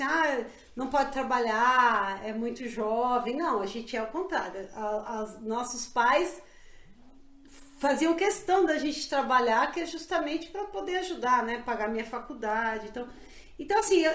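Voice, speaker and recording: A middle-aged Brazilian woman, interviewed in a casual chat, talks in an earnest, reflective way with many fillers and restarts. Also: sits high. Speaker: interviewee, council pre-candidate. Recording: echoey room.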